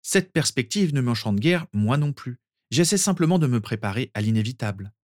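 A man's voice: mid-range voice, expressive, moderate pace, darkish tone, dry recording, clean studio sound, pitched above the performer's own voice, natural voice. A man reading a story aloud, voicing a weary, guarded teenage boy. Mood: resigned. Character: tense teenage boy hero, weary, resigned. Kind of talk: audiobook character reading.

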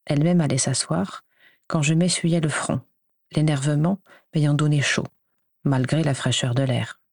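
A woman narrates a first-person story in a steady, even reading voice. Her voice is low and husky. The recording is dry and close, with no room sound. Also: unhurried, dry recording. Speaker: audiobook reader.

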